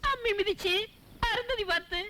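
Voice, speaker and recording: An actress playing a naive, overdramatic village wife who talks in a plaintive way. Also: female voice, very high-pitched, normal speed, pushed and bright, slight background noise. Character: naive, tearful young village wife, dramatic and chatty. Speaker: stranded village woman, film character. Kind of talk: Tamil film comedy acting.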